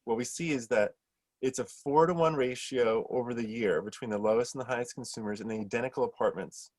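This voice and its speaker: A man's voice: medium pitch, fairly quick, a little mellow, no echo, rough recording. A man moderating a webinar session, chiming in with conversational comments. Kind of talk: webinar discussion.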